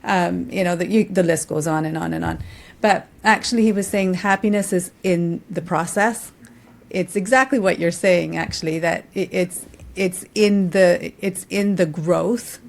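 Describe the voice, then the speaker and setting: A woman's voice: fairly low pitch, fairly even intonation, normal speed, creaky. A woman hosting a podcast interview, responding in an affirming, thoughtful conversational way. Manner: affirming, thoughtful, with frequent backchannels. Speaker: podcast host.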